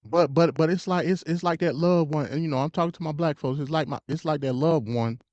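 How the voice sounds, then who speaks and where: This American streamer talks politics with a fairly high, brisk, slightly mellow voice, with no room sound on the track. His commentary is casual and opinionated, full of slang, emphasis, repetition and stutters. The live stream audio is dull and lo-fi.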